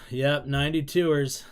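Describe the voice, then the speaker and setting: A man's voice: on the high side, fairly even intonation, slow, smooth. Rambling thirty-something man reacting. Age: 30s. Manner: rambling, self-deprecating, laughs often. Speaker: K-pop reaction YouTuber. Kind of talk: casual reaction commentary.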